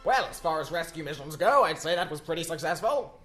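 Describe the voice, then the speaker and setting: A man playing a pompous old gentleman in a comic radio drama, speaking in exclamatory, old-fashioned phrases. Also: fairly high pitch, lively intonation, brisk, soft background music. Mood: jolly pompous. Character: blustering old English gentleman filmmaker and uncle.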